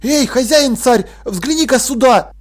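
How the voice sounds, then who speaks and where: A man's voice: very high-pitched, measured pace, darkish tone, pitched above the performer's own voice. A man voicing a cheerful, curious young male apprentice who chatters with open enthusiasm, in an audiobook.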